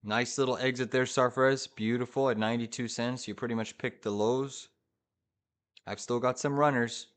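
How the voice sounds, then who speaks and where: A man hosting a live trading stream, giving urgent, hyped commentary to viewers in short repeated phrases. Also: medium pitch. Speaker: live-streaming day trader, host.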